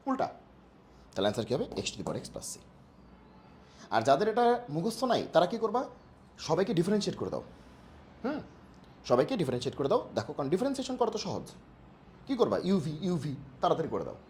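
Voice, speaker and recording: A man tutoring math for an exam, fast and playful, using jokey homely analogies. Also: high voice, a little mellow, a little hiss or hum. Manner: talks fast on purpose. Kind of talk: exam-prep math lesson.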